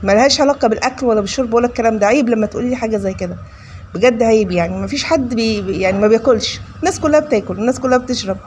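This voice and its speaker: Egyptian woman cooking vlogger, rapid-fire, slightly high voice, scolding tone, faint noise behind. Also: a little mellow. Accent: Egyptian Arabic. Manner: scolding, preachy; addresses viewers as "kids". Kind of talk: casual chat while cooking.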